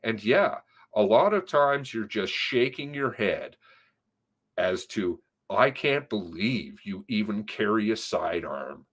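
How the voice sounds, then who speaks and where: In a fairly low but fairly bright voice, a man slowly reads an interview transcript aloud, with big swings in pitch. He puts stress on words for emphasis and adds commentary along the way.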